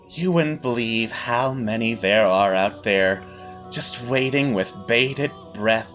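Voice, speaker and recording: A smug villainess acted out by a man in a tabletop game, taunting with mock politeness. The voice is bright and moves freely up and down, over faint music. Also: mid-range voice, voice pushed down. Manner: taunting, condescending, theatrically polite. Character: smug, bored, theatrical villainess hosting a deadly game. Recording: background music under the voice.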